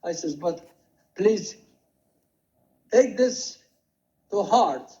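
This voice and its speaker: An older man recounting his working life in a rambling, halting way, with many restarts and quoted dialogue. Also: sits high, animated, mellow. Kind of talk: rambling personal storytelling. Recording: dull lo-fi home recording.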